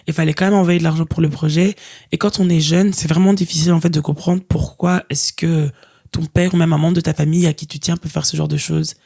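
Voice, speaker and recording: A woman's voice: low voice, fairly even intonation, quick pace, gravelly, warm tone. A woman guest on a podcast, telling a personal story in a frank, chatty way with plenty of fillers. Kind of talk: casual chat, personal storytelling.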